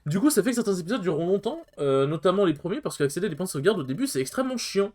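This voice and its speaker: Fast-talking man commentating a game. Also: sits high, big pitch swings, darkish tone. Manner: rambling, many hesitations. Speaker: let's play host. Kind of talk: casual gaming commentary.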